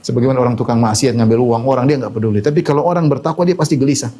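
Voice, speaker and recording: A man's voice: mid-range voice, rapid-fire, mellow. A man giving a religious lecture in a conversational way, often adding "ya" and quoting Arabic sayings. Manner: conversational, frequent "ya" fillers, quotes Arabic hadith. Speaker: Islamic preacher.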